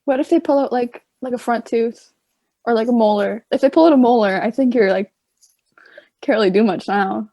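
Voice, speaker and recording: Mellow woman, hesitant and dry. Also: a little high, fairly quick, no room sound, poor audio. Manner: hesitant, fills with "like". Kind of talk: casual chat.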